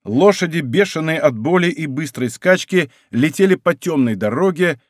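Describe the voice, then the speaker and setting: A male narrator reads an adventure story with lively, dramatic intonation. His pitch sits slightly high. The recording is close and dry. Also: moderate pace, no echo. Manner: expressive, dramatic reading. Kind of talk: audiobook narration.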